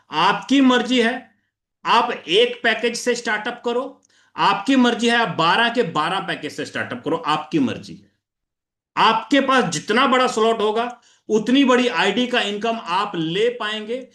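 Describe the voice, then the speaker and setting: A man's voice: sits high, animated, unhurried, pushed and bright, roomy sound. Repetitive man walking through a plan. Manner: repetitive, asks and answers his own questions, addresses listeners as sir. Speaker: crypto plan presenter. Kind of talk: screen-share presentation explaining an income plan.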